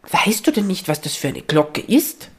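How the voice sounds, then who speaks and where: A woman's voice: on the low side, sing-song, moderate pace. Woman voicing a curious little sparrow boy. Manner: inquisitive questioning. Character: small male sparrow, curious and helpful.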